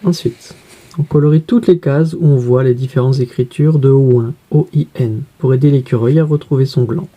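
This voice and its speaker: A woman teacher guiding pupils through a reading workbook, spelling letters out slowly and carefully. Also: a bass voice, dark tone, husky.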